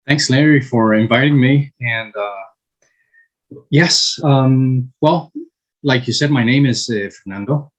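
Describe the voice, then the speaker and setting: A man in his fifties from Chile, answering interview questions slowly with frequent hesitations and restarts. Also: medium pitch, rough recording. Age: 50s. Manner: slow, halting, many fillers and restarts. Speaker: guest.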